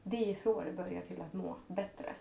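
A woman's voice: fairly low pitch, steady tone, gravelly, warm tone, reverberant, a little hiss or hum. A woman talking as a podcast guest in a reflective, earnest way, her thoughts running on in long heartfelt sentences. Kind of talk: reflective personal conversation.

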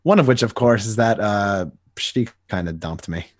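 A man's voice: lowish voice, normal speed, no room sound, studio quality, voice pushed down, lightly acted. A man voicing Nightwing, a cocky young male hero who teases his younger partner, in a dramatic comic reading. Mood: sheepish. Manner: teasing, easygoing big-brother banter.

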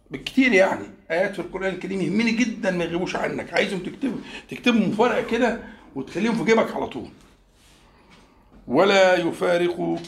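Egyptian male teacher, higher register, lectures in an echoey room, quizzes the class, stretches key words. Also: gravelly. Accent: Egyptian Arabic.

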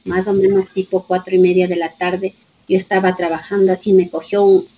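A woman's voice: mid-range voice, level tone, a little fast, dark tone, breathy edge, dull audio. A middle-aged woman, a mother giving personal testimony in an interview and reenacting conversations with her son. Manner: emotional storytelling, reenacting dialogue, repeating phrases. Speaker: grieving mother of a police officer.

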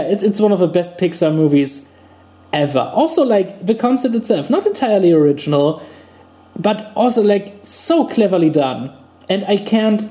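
A young man from Germany talks films in a loose, eager way, stumbling through restarts and fillers. His voice sits a little high for a man, with a mellow, warm tone. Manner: enthusiastic, rambling with many restarts and fillers. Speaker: podcast co-host. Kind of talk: casual chat.

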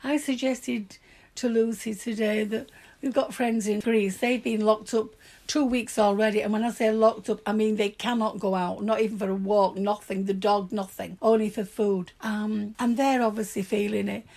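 Older female, broad Yorkshire accent, husky and creaky, fairly high pitch. Plain-spoken, casual chat guest. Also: fairly even intonation, moderate pace, a little mellow. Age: older, grandmother. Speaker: interview guest.

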